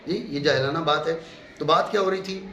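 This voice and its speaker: A middle-aged man from Pakistan, a mufti teaching a course, lectures a class in a bright, forceful voice pitched fairly high. He speaks emphatically, repeats key terms, and checks in with his students. The room is echoey, with a faint hum in the background.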